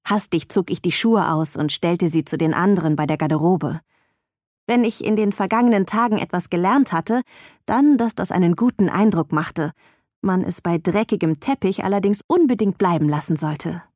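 A woman's voice: lowish voice, normal speed, darkish tone, no echo, studio quality. Woman narrating a novel in first person. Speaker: audiobook narrator.

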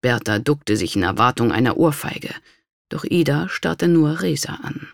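Audiobook narrator, steady and measured, mid pitch, dry close recording. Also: vocal fry, no echo. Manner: even, measured storytelling. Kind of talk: scripted narration.

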